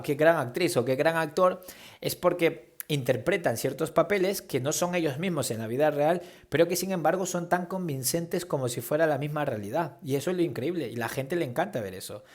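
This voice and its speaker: Spanish man teaching public speaking. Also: medium pitch. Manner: conversational, demonstrates tones and gestures while explaining. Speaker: preaching workshop teacher. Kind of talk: instructional talk on public speaking.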